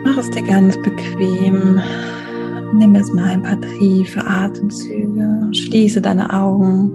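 A woman guiding a meditation in a soothing, measured, slow way with long pauses. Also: mid-range voice, little pitch movement. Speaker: podcast host and meditation guide. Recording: music bed behind the voice. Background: music.

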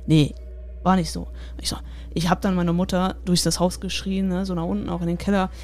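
A young woman casually telling a spooky personal story, lively and full of fillers and laughs. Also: fairly low pitch, quick pace.

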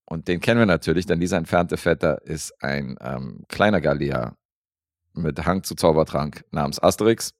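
A man co-hosting a podcast, reviewing a film in a relaxed, rambling way with lots of fillers. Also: rumbling low, moderate pace, dry recording, studio quality. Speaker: podcast co-host reviewing films. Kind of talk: casual chat.

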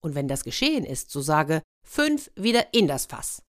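A woman's voice: deep voice, big pitch swings, moderate pace. A woman voicing the South Wind, a kindly, pitying male wind spirit who gives advice in a soothing, then firm way. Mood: sympathetic.

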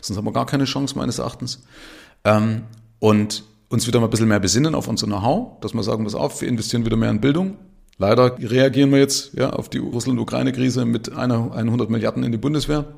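A man's voice: medium pitch, quick pace, creaky, a little mellow. A man in his fifties hosting a solo podcast, talking in an emphatic, conversational way with frequent tag questions. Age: 50s. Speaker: podcast host. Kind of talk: casual monologue podcast.

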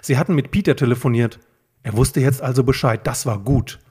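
A man narrating a fan-made detective story as an audiobook reading, steady and plain. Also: medium pitch, brisk, slightly rough.

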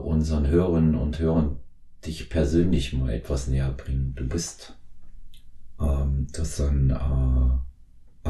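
A man in his fifties hosts a relaxed interview, pausing often and filling gaps with small hesitations. His voice sits very low and sounds mellow and dark. The room adds a clear echo around him. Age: 50s. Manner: hesitant, many fillers and restarts. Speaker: podcast host. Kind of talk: conversational interview.

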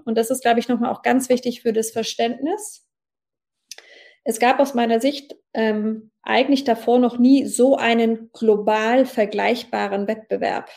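A woman with a slightly high voice answers an interview as an expert, explaining at length. She hesitates often and fills her pauses with "ähm" as she searches for words. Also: darkish tone. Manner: many fillers, explanatory and thoughtful. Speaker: blockchain expert guest.

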